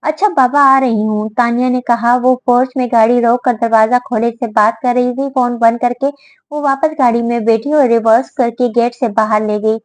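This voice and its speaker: Woman narrator, bright high voice, close dry mic, steady audiobook read. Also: normal speed, no room sound, low-quality recording. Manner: steady storytelling delivery.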